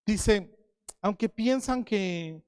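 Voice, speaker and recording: A man with an Ecuadorian Spanish accent preaches a sermon in a high, lively voice. He swings between loud exclamations and quiet asides, close to the mic in a dry, dead room. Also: very slow, clean tone, no room sound.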